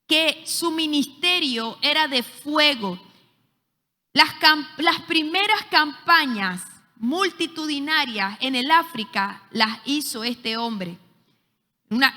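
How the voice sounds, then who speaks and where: A woman, teaching at a church leadership school and telling stories with frequent hesitations. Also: sits high. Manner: lively storyteller, frequent hesitations. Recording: echoey hall.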